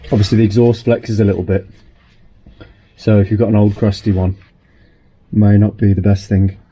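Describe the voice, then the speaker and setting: A man's voice: fairly low pitch, little pitch movement, moderate pace, mellow, faint music behind. A man hosting a casual car repair vlog, chatting and thinking aloud with dry asides as he works in a garage. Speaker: car repair channel host.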